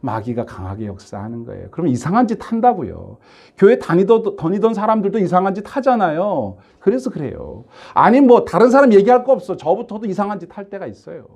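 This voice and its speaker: A man's voice: high-pitched, sing-song, fairly quick, creaky, few pauses. A middle-aged male pastor giving a conversational sermon, asking the congregation questions and acting out quoted speech. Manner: acts out quoted speech with sudden shifts in loudness.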